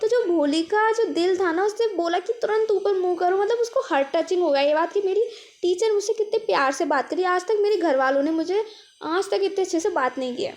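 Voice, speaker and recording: High-voiced woman explaining a story lesson. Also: a little fast, darkish tone. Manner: explains patiently, acts out the characters' lines. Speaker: teacher. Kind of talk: chapter summary lesson.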